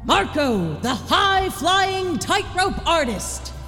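A grandiose circus ringmaster proclaims in a very high, bright voice with sweeping pitch. The words are drawn out for show. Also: male voice, very animated, takes it slowly, exaggerated voice. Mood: grand, proclaiming. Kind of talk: in-character tabletop role-play. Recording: long reverb, music behind.

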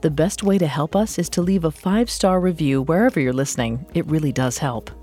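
An American woman co-hosting a true crime podcast, narrating scripted material with deliberate, dramatic delivery. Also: deep voice, mellow, soft background music.

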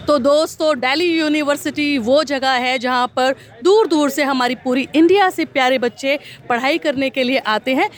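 A woman with a high, light voice interviews young people at a street tea stall. She is effusive and encouraging, cheering each answer. It is recorded outdoors in the city. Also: normal speed, few pauses. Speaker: host.

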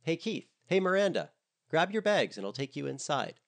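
Man doing a grumpy blunt woman, dry, curt, storybook, lively rise and fall. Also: on the low side, moderate pace. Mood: brisk. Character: blunt, grumpy middle-aged woman host.

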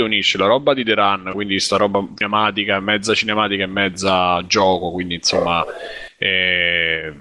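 A man's voice: lowish voice, bright, forceful tone. A man hosting a podcast as a casual group chat, joking in a crude, irreverent way. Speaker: podcast host leading a game discussion.

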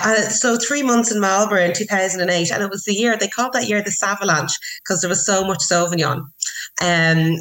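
This Irish woman in her thirties is a wine professional appearing as a guest in a casual interview. Her mid-range voice has a fairly bright tone, and her chat is full of restarts and fillers. The recording is rough.

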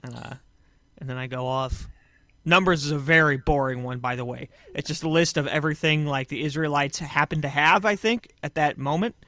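A man hosting a podcast from a couch, chatting casually with rambling, deadpan jokes. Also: fairly high pitch, moderate pace, no room sound. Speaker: podcast host. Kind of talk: casual chat. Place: small room on a couch.

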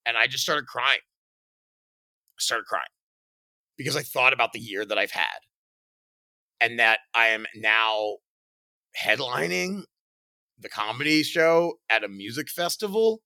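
Animated earnest young man, bright voice. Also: mid-range voice, measured pace, gravelly, clean tone, no echo. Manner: animated, earnest, swings between loud bursts and quiet. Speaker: stand-up comedian. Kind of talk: reflective monologue.

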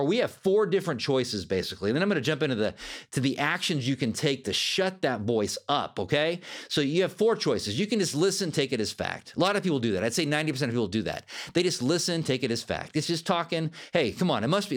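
A man hosting a solo self-help podcast, talking emphatically and sometimes acting out the voices he describes. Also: a little high. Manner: animated, emphatic, acts out quoted inner voices. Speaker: podcast host.

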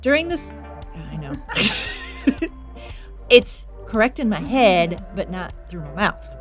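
A woman's voice: on the low side, sing-song, measured pace, soft background music. A woman podcast host and history teacher chatting casually in an outtake, recorded muffled under a blanket at home, laughing at her own slips.

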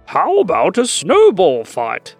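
Man doing a jolly talking snowman, booming ho-ho laugh, slow drawl, gravelly, storybook. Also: wildly swooping pitch, no room sound, soft background music, heavily acted. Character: cheerful talking male snowman of grass and feathers.

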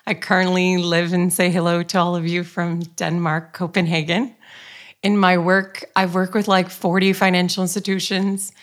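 A woman's voice: on the low side, flat delivery, normal speed. A woman from Brazil, chatting enthusiastically as a podcast co-host. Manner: enthusiastic, chatty, fillers like "you know". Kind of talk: casual podcast chat.

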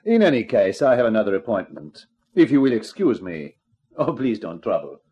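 Heard on a dull 1950s radio recording, a husky, fairly low-pitched male voice brings a polite, formal foreign schemer to life. The actor plays the calculating middle-aged character with a very animated delivery at a moderate pace.

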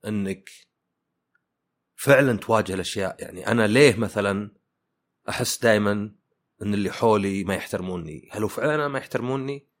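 A man's voice: lowish voice, fairly bright tone. A man hosting a podcast, thinking aloud in a casual reflective monologue full of fillers and rhetorical questions. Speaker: podcast host.

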